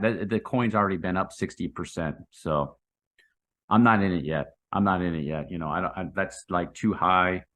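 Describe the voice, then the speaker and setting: Male crypto bro commentator, slightly low register, off-the-cuff and hyped, buddy-style slang, repeats himself for punch. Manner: hyped, slangy crypto bro talk, saying 'man', 'dude' and 'guys'; rambling, repeats phrases for emphasis. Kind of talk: casual unscripted market commentary.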